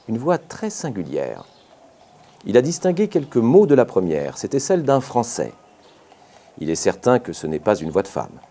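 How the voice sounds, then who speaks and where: A man narrates an audiobook with a low, dark-toned voice. His delivery is measured yet expressive, with a pitch that rises and falls widely from line to line. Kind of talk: scripted narration.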